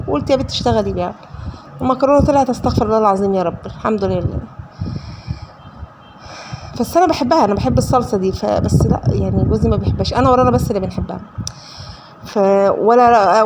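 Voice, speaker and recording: Rapid-talking Egyptian woman vlogging at home. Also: fairly high pitch, noisy background. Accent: Egyptian Arabic. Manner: chatty, rambling, self-deprecating, frequent prayers. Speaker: vlogger, housewife. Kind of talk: casual home cooking vlog. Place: home kitchen.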